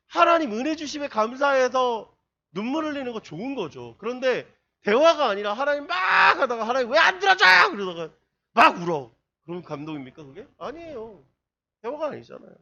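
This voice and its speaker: High, lively male youth preacher. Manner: peppers listeners with rhetorical questions. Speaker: youth pastor. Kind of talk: youth group sermon. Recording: dull lo-fi sermon recording.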